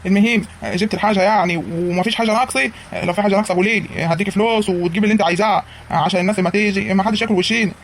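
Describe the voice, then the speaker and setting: A man's voice: high-pitched, steady tone, rapid-fire, few pauses, a little hiss or hum. A man with an Egyptian accent voicing a practical middle-aged village husband in a cartoon comedy, plain and matter-of-fact. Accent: Egyptian Arabic. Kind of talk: animated cartoon acting.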